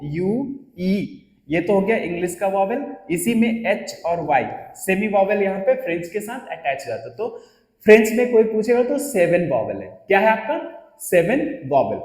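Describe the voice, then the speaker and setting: A man teaching a French class, drilling the alphabet slowly for students to repeat. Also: high voice, a little mellow. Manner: drills letters aloud, slow call-and-repeat recitation. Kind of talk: classroom lesson. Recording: echoey, reverberant classroom.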